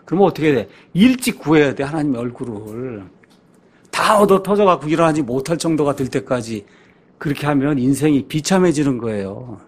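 A man's voice: on the high side, animated, fairly quick, slightly rough. A man preaching as a pastor, teaching from the Bible in a conversational way and answering his own questions.

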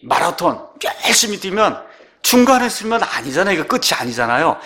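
A man preaching a sermon, reading scripture aloud and asking his congregation rhetorical questions. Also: a bit bright. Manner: reads scripture slowly, rises and drops sharply in pitch. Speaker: pastor.

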